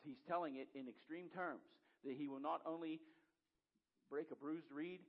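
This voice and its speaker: Male preacher, fairly high voice, swinging from hushed to loud, questioning the congregation; dull lo-fi recording. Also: moderate pace. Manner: builds from quiet to loud emphatic preaching; asks the congregation rhetorical questions. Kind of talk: sermon. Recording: dull lo-fi sound.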